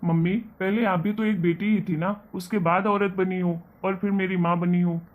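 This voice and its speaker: A man voicing a kind, earnest young husband and son in an animated family story. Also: sits high, normal speed, narrow, tinny audio, natural voice. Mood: pleading. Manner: earnest, persuasive.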